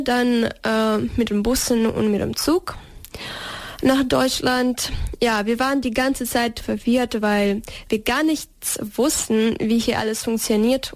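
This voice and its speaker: A teenage girl from Ukraine answers interview questions. Her voice sits fairly high, and the sound is close and dry. She hesitates often and restarts her sentences. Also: no room sound. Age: teens. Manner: hesitant, many fillers and restarts. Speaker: interview guest.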